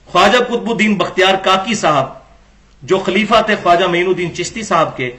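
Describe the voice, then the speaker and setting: A man delivers a religious lecture in a high voice. His tone is bright and cutting, and he presses his argument with pointed rhetorical questions. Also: animated. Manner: argumentative, rhetorical questions, acts out quoted dialogue.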